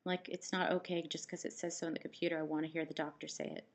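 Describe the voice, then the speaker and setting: Speaking fast with a slightly low pitch and little pitch movement, a woman vlogger chats to camera about her life. Her mouth is dry as she recovers from surgery, and she wanders through stories, recounting conversations.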